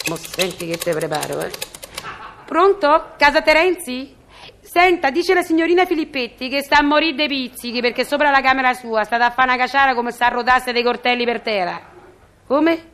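An actress with a Roman accent playing a nosy, meddling building concierge in a comic phone monologue, chatty and slyly mock-innocent. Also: female voice, high voice, fairly bright tone, slight background noise. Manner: chatty, sly, mock-innocent stirring of trouble. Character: nosy gossiping Roman concierge woman, middle-aged, meddling.

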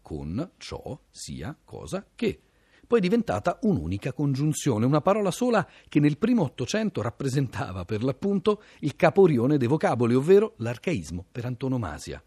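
A man presents a word-of-the-week segment in scripted narration, his reading ironic and theatrical. His voice is dark and a little husky, rising and falling in lively swings. The sound is close and dry. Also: mid-range voice, brisk, hardly any pauses, no room sound.

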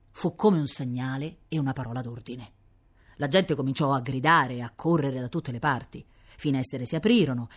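A woman reading a children's story aloud, doing quick voices for the townsfolk in the dialogue. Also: deep voice, slightly rough. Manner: lively, does many voices for townsfolk in dialogue. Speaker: narrator.

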